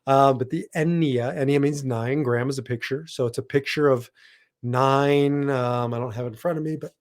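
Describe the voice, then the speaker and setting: A man's voice: medium pitch, fairly even intonation, normal speed. A middle-aged man hosting a solo podcast as a logotherapist, talking casually and correcting himself with asides as he goes. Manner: rambling, self-correcting, with asides.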